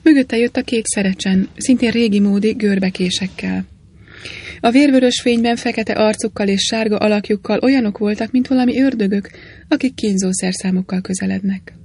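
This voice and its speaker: A woman narrating a story aloud at a steady, even pace. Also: medium pitch, slightly rough. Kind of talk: storybook reading.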